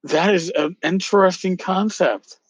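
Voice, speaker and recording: Higher-voiced man hosting a casual podcast, dry sound. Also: measured pace, no room sound. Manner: musing, rambling, repeats phrases for emphasis. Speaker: podcast host. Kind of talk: casual solo podcast commentary.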